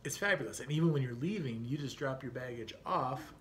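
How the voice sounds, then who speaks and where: A man's voice: medium pitch, expressive, brisk, a bit bright. A man co-hosting a vlog in casual chat, interjecting in an informal, opinionated way. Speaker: vlog co-host. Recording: faint background noise.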